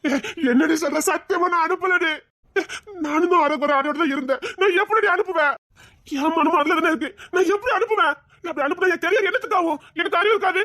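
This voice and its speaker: A woman's voice: high-pitched, fairly quick, dry recording, clean studio sound. A woman playing a panicked young boyfriend who speaks with a Tirunelveli Tamil accent and keeps wailing and begging to be believed. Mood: frantic pleading. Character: panicked young male boyfriend, pleading and guilt-ridden.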